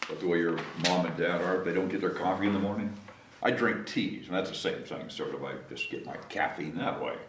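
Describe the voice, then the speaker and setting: In a deep voice and at a brisk clip, a man hosting story time reads a children's picture book, playfully stretching words and inviting the kids to take part. Background noise is present, and the far-off mic catches an echoey room.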